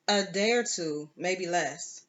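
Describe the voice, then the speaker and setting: A reader voicing a rough, cynical pirate captain who gives gruff, matter-of-fact orders, slow and plainly read. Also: mid-range voice, a bit bright, lo-fi sound.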